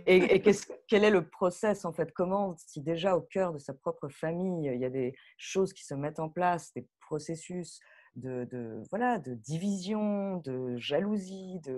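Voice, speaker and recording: Speaking as a guest director at a panel, a woman chats casually and spontaneously in a lowish voice, animated and prone to wandering off topic.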